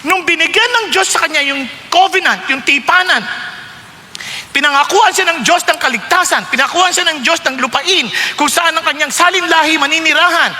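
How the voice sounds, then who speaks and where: A man's voice: extremely high pitch, bright, forceful tone, long reverb tail. A Filipino man preaching a sermon as pastor, mixing Tagalog and English and putting questions to his listeners. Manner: switches between Tagalog and English, asks the room questions.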